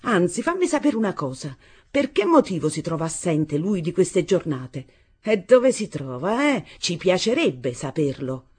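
A woman voicing a fierce, possessive middle-aged mother with a Neapolitan accent, loud and commanding in a husky voice. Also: fairly low pitch, big pitch swings, normal speed, heavily acted.

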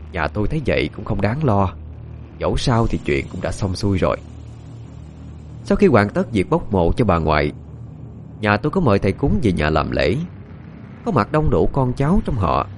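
A man narrating a ghost story in an expressive, dramatic way. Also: lowish voice, slight background noise.

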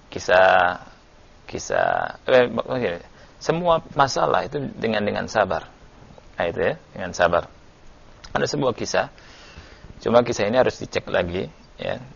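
A man teaches a religious study session in a conversational, storytelling way, often adding tag questions and fillers. His voice is low, gravelly and husky. The recording is dull and lo-fi.

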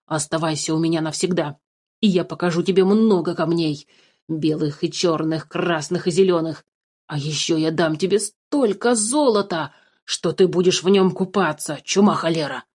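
A fussy old storybook dwarf with a gray beard, put on by a woman reading aloud. He is greedy and excitable, forever cursing and flaring up. The voice sits a touch low and mellow. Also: moderate pace, breathy edge. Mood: excited grumbling.

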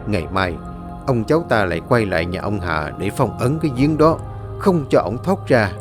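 A man's voice: lowish voice, sing-song, normal speed. A man voicing a stern old grandfather who lays out plans to hunt an evil spirit, with music playing behind. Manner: stern, commanding. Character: stern old grandfather, ghost-fighting sage. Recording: audiobook with new-age music behind.

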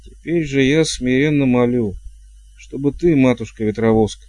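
A man reading an audiobook, voicing the ghost of a king who speaks in flowery, ceremonious phrases, with a dark, mellow tone in a dry recording. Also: medium pitch, moderate pace, no room sound, natural voice. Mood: formal. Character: courtly ghost of an old king.

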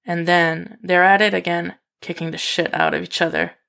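A woman reading fan fiction aloud as steady, even narration. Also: fairly low pitch, moderate pace, creaky. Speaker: reader.

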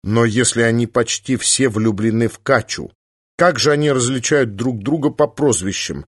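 A skeptical engineer asks wry, probing questions, as a man plays him in an audiobook. The voice sits at a mid pitch, close to the reader's own. The recording is dry and intimate. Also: moderate pace, no room sound, lightly acted. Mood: questioning.

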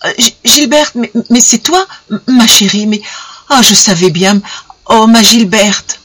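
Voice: medium pitch, expressive, moderate pace, a bit bright, husky. A reader voicing a shaken husband in a storybook reading, a man who stammers as he is overcome with relief. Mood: overwhelmed. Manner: stammering, breathless.

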